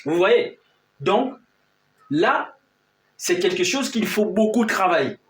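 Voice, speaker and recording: Guy teaching a lesson, higher voice, takes his time, keeps repeating key points. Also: big pitch swings, slow, roomy sound. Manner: repetitive, emphatic teaching delivery. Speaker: Chinese language teacher. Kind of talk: explanatory lesson.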